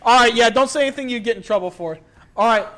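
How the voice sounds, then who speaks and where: A young man, a hoarse college esports shoutcaster, interviewing players in a lively, teasing way. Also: very high-pitched, very fast. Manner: excitable, laughing, teasing. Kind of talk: casual post-match interviews. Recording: crowd chatter behind. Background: crowd noise.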